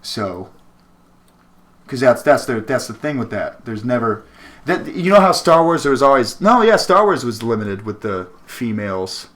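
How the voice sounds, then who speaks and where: A man's voice: medium pitch, very animated, normal speed, fairly bright tone. A man co-hosting a podcast, chatting in a rambling, joking, crude way. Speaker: podcast co-host. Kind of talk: casual chat.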